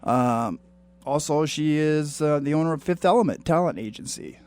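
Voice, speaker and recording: A man appearing as a musician guest on a radio show, upbeat and quick to laugh. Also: on the high side. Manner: upbeat, laughs often, lively delivery. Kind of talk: casual radio interview.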